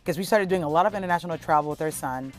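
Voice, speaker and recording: A woman in her thirties from Cameroon, a travel blogger telling her family's story in a relaxed, chatty way with plenty of fillers. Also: low voice, racing, faint music behind. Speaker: travel blogger and content creator. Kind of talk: documentary interview.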